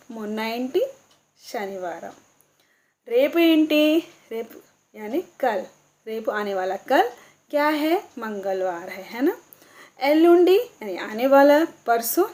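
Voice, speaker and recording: A woman with a fairly high voice teaches a beginner lesson. She keeps asking her viewers questions and then repeats each answer slowly and clearly. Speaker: language teacher.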